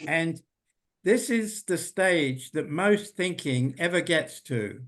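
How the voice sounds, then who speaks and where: An older man giving an unhurried, thoughtful talk over a video call, pausing often with ums. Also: fairly high pitch, animated, fairly bright tone. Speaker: invited presenter. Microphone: video call computer mic.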